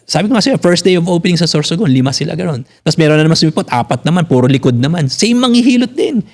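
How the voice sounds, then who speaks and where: Blunt, swearing Filipino man, lively pitch. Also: very fast. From Philippines. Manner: blunt, swears freely, mixes in English. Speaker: physical therapist guest. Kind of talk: casual podcast conversation.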